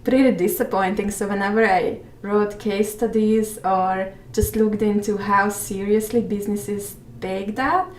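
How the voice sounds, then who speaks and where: A woman in her thirties from Hungary, a guest in a casual interview, reflective and soft-spoken, often trailing off quietly. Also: mid-range voice, fairly even intonation, a little slow, few pauses. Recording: echoey room, mic at a distance.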